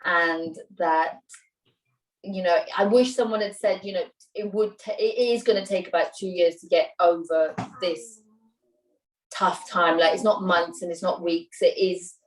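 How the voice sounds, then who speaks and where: A woman's voice: lowish voice, steady tone, a little slow, distant mic. A Welsh woman in her thirties, a mother talking in a casual interview, chatty and rambling with many fillers and restarts. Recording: roomy sound, voice a little off-mic.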